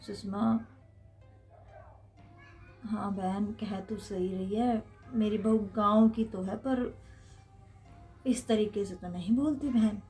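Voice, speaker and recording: A woman's voice: mid-range voice, fairly even intonation, slow pace, long pauses, warm tone, soft background music, lightly acted. A middle-aged woman with a Haryanvi accent playing a chatty, gossipy mother-in-law in a comedy skit. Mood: contrite.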